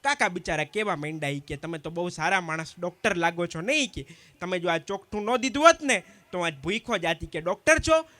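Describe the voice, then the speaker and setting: A man telling stand-up jokes to a community gathering, swapping quickly between the sides of each dialogue. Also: high-pitched, expressive, pushed and bright, no echo. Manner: quick anecdotal storytelling, acting out both sides of each exchange. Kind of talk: live stand-up joke telling.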